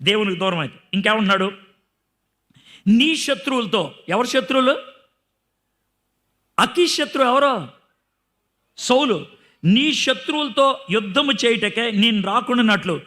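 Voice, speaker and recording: A man's voice: very high-pitched, lively intonation, measured pace, long pauses, bright, forceful tone. A man preaching a sermon, asking his listeners questions and acting out the lines of people in the story. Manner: teaching by questions to the audience, acting out quoted lines. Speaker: pastor.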